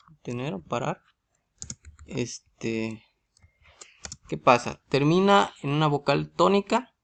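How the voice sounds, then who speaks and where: A man's voice: mid-range voice, creaky, a bit bright. A man with a Mexican Spanish accent explaining English grammar rules in a video lesson, asking himself questions and checking in with "¿sí?" all the time. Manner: asks rhetorical questions, often adds a tag "¿sí?". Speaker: English teacher.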